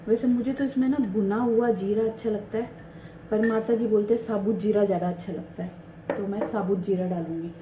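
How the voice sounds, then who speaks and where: A woman in her thirties narrating her daily home chores in a soft, hushed voice-over, chatty and confiding. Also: medium pitch, fairly even intonation, brisk, noisy background. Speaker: home vlogger. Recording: roomy home voice-over with faint ambience.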